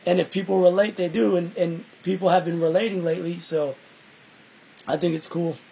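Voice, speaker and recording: A young man in casual, reflective conversation, halting and repeating himself, with some loose swearing. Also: sits high, fairly even intonation, vocal fry, dark tone, a little hiss or hum, low-quality recording. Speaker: musician.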